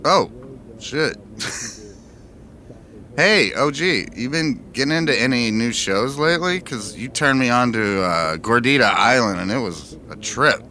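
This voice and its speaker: A man playing a young cable repairman who is high, talking in slow, slangy, spaced-out bursts. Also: expressive, pushed and bright.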